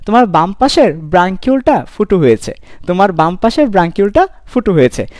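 A man voicing a calm male doctor who patiently explains a diagnosis in a slow, reassuring way. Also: sits high, dry recording, clean studio sound.

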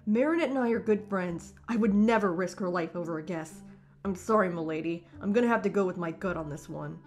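A woman's voice: on the low side, a little fast, darkish tone, soft background music, lightly acted. Woman voicing Chat Noir, an earnest teenage boy hero. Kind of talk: fan comic dub acting.

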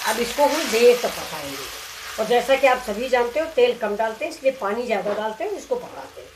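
Very animated and brisk, with a slightly high voice, a cooking channel host chats to viewers and explains every step of her home demo. Her tiled kitchen produces an echoey, noisy recording.

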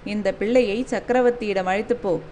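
A woman's voice: mid-range voice, steady tone, brisk, dark tone, slight background noise, lightly acted. A woman voicing a proud older male fort commander in a storybook reading, speaking in brusque, commanding questions.

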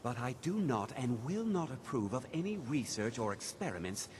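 A man's voice: mid-range voice, big pitch swings, moderate pace, natural voice. An actor playing a dignified male archmage who speaks in a formal, stately way. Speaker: game character. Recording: game audio with ambient noise.

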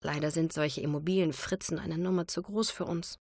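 A woman's voice: low-pitched, fairly even intonation, a little fast, a little mellow, dry recording, clean studio sound. A woman voicing a fiery young bistro owner and single mother who speaks heatedly and indignantly. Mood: dejected.

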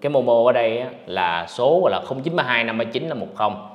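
A man hosting a casual livestream podcast, talking in an animated, ranting way to his viewers. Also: medium pitch, quick pace, highs cut off. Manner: animated, ranting, mocks others in put-on voices. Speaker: podcast host. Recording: echoey room with long reverb.

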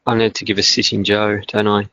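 A man's voice: on the low side, monotone, brisk, bright, forceful tone, dry recording. A man co-hosting a casual Australian football podcast, hesitant and rambling with many restarts, on a dull, dry lo-fi recording. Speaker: podcast co-host.

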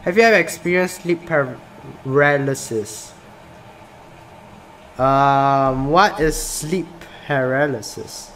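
A fairly bright mid-range voice speaks slowly and pauses often, with slight background noise. The speaker, a young gaming YouTuber from Singapore, plays a game on camera in a small room, reading the questions aloud and responding casually, often saying "bro."

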